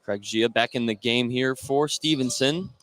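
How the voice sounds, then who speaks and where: A man calls a basketball game live on radio as the play-by-play announcer, tracking the action in clipped running phrases. His medium-pitched voice is a bit bright at a moderate pace, with clear background noise from the indoor gym.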